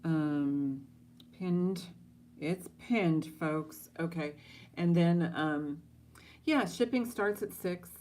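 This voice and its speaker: Low-pitched, slow-talking woman hosting a live auction. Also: dark tone, a little hiss or hum. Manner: chatty, addresses viewers directly, thinking aloud. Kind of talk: casual live-stream auction chat.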